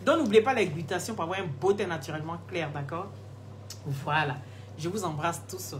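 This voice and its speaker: This woman, a live-stream host selling skin products, talks at a moderate pace in a lowish voice. Over her phone stream she answers viewers' comments one after another, loose and teasing, laughing often, with a faint hiss beneath her voice.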